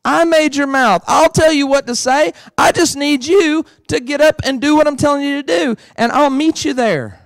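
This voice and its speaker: A man's voice: very high voice, normal speed, gravelly, few pauses, no echo, pitched above the performer's own voice, poor audio. A man voicing God as a firm, fatherly caller who speaks in a folksy, emphatic way. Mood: insistent.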